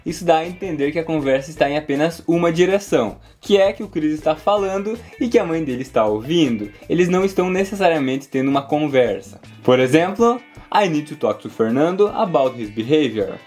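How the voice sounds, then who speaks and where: A man with a Brazilian Portuguese accent teaching English in a video lesson, explaining clearly and slowing down to model each word. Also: fairly high pitch, expressive, darkish tone, soft background music. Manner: clear, slows down to model words.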